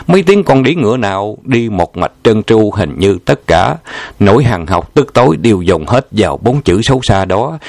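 A man calmly reading a memoir aloud in a descriptive storytelling manner. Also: lowish voice, no echo. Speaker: narrator.

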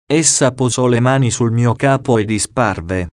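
An audiobook reader, a man with an ordinary middle-pitched voice, reads a diary aloud slowly, deliberately, and solemnly. The recording is close and dry, with no room sound at all.

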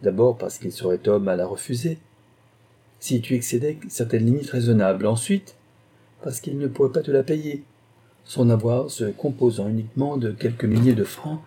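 A man's voice: medium pitch, mellow, breathy edge. A man reading as a scheming, wheedling wife. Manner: wheedling, mocking, calculating. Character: scheming sly wife writing a letter.

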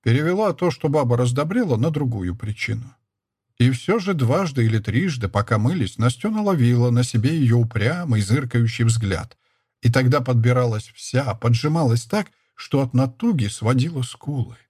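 Husky man reading a novel aloud. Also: medium pitch, dry recording, studio quality. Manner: measured, steady literary reading. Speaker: audiobook narrator. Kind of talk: scripted narration.

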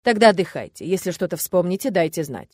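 A woman's voice: lowish voice, big pitch swings, fast talker, darkish tone, dry recording, studio quality. A woman voicing a stern, curt male academy rector in a fantasy audiobook.

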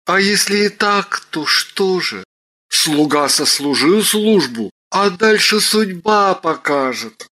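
A woman reading the part of a gloomy ascetic man dragged into sin, grumbling his thoughts aloud slowly and brightly. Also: lowish voice, expressive, exaggerated voice. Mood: gleeful scheming. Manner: grumbling inner monologue. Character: ascetic young man turned reluctant sinner, glum.

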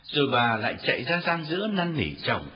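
A man narrating a story with a very expressive, varied delivery. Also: fairly high pitch, a little fast. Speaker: audiobook narrator. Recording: dull lo-fi audio with faint music.

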